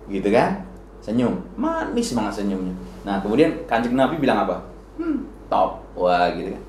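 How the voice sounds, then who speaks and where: A man hosting a casual Islamic talk show, lively and telling stories with acted-out voices. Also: lowish voice, brisk, reverberant, slight background noise. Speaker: host and Islamic preacher.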